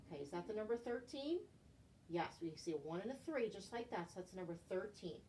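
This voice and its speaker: A woman's voice: mid-range voice, lively intonation, fast, warm tone. A middle-aged woman leading a counting lesson for young children like a kids show host, with simple guiding questions and repeated key words, recorded at home. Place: living room at home. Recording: clear background room noise, home recording.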